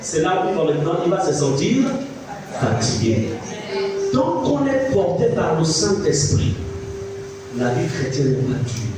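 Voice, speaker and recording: Preaching with a fairly high, very animated voice at a measured pace, this fiftysomething pastor drives his sermon home by repeating himself and questioning the congregation. The church recording is very noisy and echoey, captured from far off with music present.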